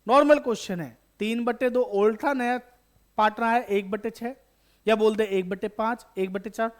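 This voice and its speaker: A male teacher walks students through an exam topic in a fairly high voice. He talks to them directly and fondly, poses a question, then supplies the answer himself, and repeats the key terms so they stick. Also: steady tone, moderate pace. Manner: calls students beta, bachche, addresses viewers directly. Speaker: accountancy teacher. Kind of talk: online exam-prep lesson.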